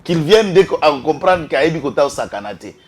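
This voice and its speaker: Quick and sing-song, his voice on the high side, a man from Congo-Kinshasa speaks with fervor as a political talk-show guest. He moves back and forth between French and Lingala and bursts out emotionally.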